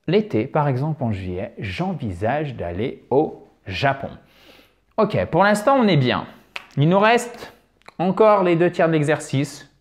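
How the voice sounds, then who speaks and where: Slow, careful teacher man. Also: fairly high pitch, lively intonation. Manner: explains slowly, repeats English words with careful stress. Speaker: English teacher. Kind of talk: video lesson.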